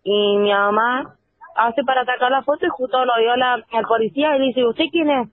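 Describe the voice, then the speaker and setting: Woman caller, halting and full of restarts, heard over a thin phone line. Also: fairly high pitch, fairly even intonation. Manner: halting, with many restarts and quoted dialogue. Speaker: interviewee on the phone. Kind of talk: phone interview, recounting events.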